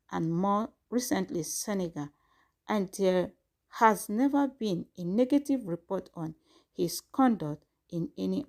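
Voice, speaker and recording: A woman with a Nigerian accent reading a scripted news statement in formal English, in a measured way. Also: on the low side, creaky, a little mellow. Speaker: news show host.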